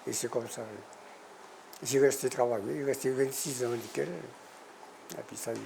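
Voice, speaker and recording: A man's voice: medium pitch, fairly even intonation, moderate pace, a little mellow. An older man telling his story, re-enacting past dialogue as he goes. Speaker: interviewee, former nickel worker. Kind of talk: storytelling testimony. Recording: clearly noisy location sound.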